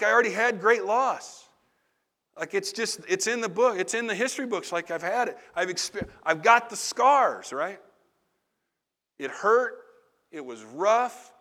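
Male pastor, higher-pitched, unhurried sermon delivery, informal and personal. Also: bright, forceful tone. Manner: conversational, confessional preaching with asides and laughs.

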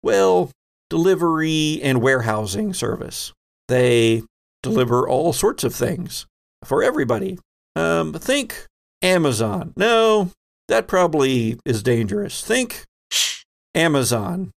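Hosting a tabletop game podcast as game master, a man narrates with dramatic storytelling phrasing and deliberate pauses. His voice is a little high, swings widely in pitch, and carries vocal fry.

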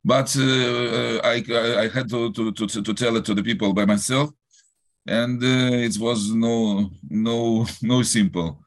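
An older man with a Russian accent, a rabbi answering interview questions haltingly in a non-native language, searching for words and restarting often. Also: medium pitch, steady tone.

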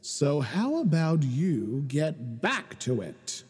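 An actor playing a smug, scheming male puppet-master in a video game, grandiose and taunting, with a breathy voice. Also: fairly high pitch, sing-song, slow pace, darkish tone, big-room sound, soft background music, exaggerated voice. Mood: mocking. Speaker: villain.

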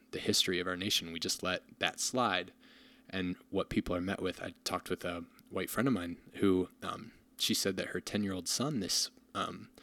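Deep-voiced earnest man, talking plainly. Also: a bit bright. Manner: earnest, with many restarts. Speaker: pastor. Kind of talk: conversational podcast interview.

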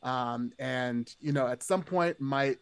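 As a podcast guest, a man chats casually and rambles along, hedging heavily and peppering his sentences with "like." His mid-range voice is slow and clean-toned, with no echo.

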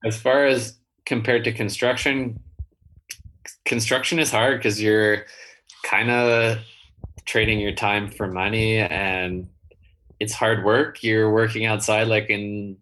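A man being interviewed as a guest, talking casually in halting phrases with many restarts. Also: on the low side, fairly even intonation, bright, forceful tone. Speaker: guest, builder and rental owner.

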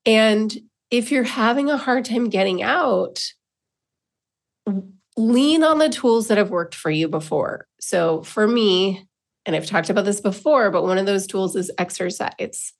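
A woman's voice: medium pitch, a little slow, gravelly. A woman giving a reflective personal monologue as a self-help host, speaking informally and encouragingly to her listeners.

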